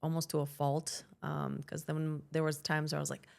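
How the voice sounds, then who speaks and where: Low, flat-voiced woman with a Boston accent. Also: normal speed, vocal fry. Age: middle-aged. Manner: rambling, restarts with many likes and ums. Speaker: podcast guest, hairstylist and CrossFit coach. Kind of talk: casual interview chat.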